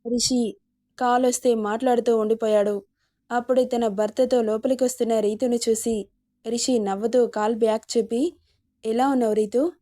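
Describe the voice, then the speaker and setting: A woman reads a romance story aloud, her voice mellow and warm, pitched a little high. She carries the dialogue of every character in her own even storytelling voice rather than changing it for each one. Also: moderate pace.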